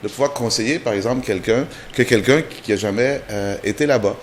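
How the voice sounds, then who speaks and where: A man's voice: lowish voice, brisk. Man, TV guest, explains step by step with restarts, faint background noise. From Canada. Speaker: guest, immigration trainer. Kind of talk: TV interview answers.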